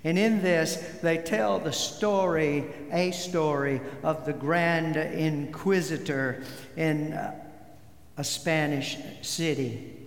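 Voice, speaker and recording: Slow-preaching pastor in an echoey church. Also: male voice, fairly high pitch. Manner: slow, deliberate preaching with emphatic stresses. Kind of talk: sermon. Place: church sanctuary. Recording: echoey hall with long reverb.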